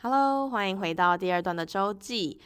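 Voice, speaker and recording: A woman's voice: mid-range voice, expressive, normal speed, clear, resonant tone, soft background music. A woman podcast host talking casually and expressively in a personal monologue, sharing her own reactions. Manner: laughs often while talking.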